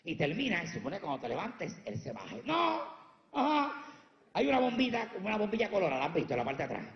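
Teasing his live audience, this man from Puerto Rico delivers crude, brash stand-up in a Puerto Rican Spanish accent. His voice sits high with a creaky quality, captured in a muffled recording that echoes like a large hall.

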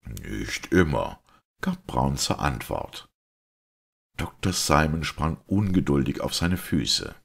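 A man reading an audiobook as expressive, scripted narration. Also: a bass voice, slow pace. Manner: expressive storytelling. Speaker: audiobook reader.

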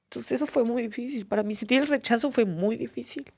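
A woman's voice: fairly high pitch, quick pace, creaky, slightly rough, no room sound. A young woman with a Mexican accent, an MMA fighter telling her story earnestly in an interview, with many fillers. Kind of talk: candid personal interview.

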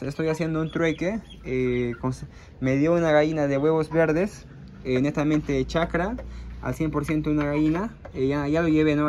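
Outdoors at his chicken coop, a small-scale poultry farmer vlogs casually about his chicken project, talking to viewers like friends and using lots of fillers. His voice is a bit high, with slight background noise and hens and roosters clucking faintly.

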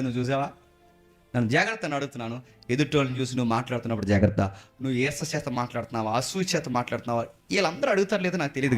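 A man preaching a sermon to his congregation, firing off questions and hammering home repeated warnings. His voice jumps sharply high and loud on key points, then drops back low and quiet, while faint music plays softly behind him. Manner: rhetorical questions, repeating warnings, rising to high emphatic peaks. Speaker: pastor.

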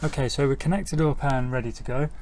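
Out on a driveway with clear ambient noise, a middle-aged mechanic runs through an informal technical tutorial step by step. His mid-range voice is slightly mellow, steady in tone, and quick in pace.

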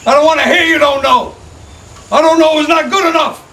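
A man's voice: high voice, normal speed, background noise, close to an everyday voice. An actor playing a foul-mouthed, menacing tough guy in film scenes, his speech profane and threatening. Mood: shouting. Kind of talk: film drama acting. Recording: film audio with music underneath.

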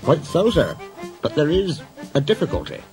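A man's voice: on the high side, huge pitch swings, moderate pace, a little mellow, faint music behind, pitched above the performer's own voice. A man voicing a dutiful, polite male railway inspector who speaks deferentially.

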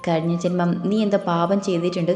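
A woman's voice: lowish voice, little pitch movement, quick pace, warm tone, soft background music, close to an everyday voice. A woman voicing a cheeky young man who jokes in a mock-serious way. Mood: joking. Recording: echoey room.

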